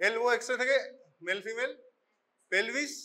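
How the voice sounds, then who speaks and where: A high, bright man's voice, a Bengali lecturer talking casually to his class and slipping into English mid-sentence. He teases and scolds his students as he goes. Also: normal speed. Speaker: forensic medicine lecturer. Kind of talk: informal classroom teaching. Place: college classroom.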